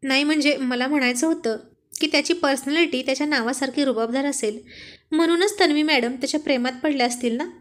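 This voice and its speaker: A woman doing a cheeky young man who works as an assistant, playful and teasing with his boss in a spoken storybook. The voice sits high, with a light, bright pitch. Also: fast, natural voice.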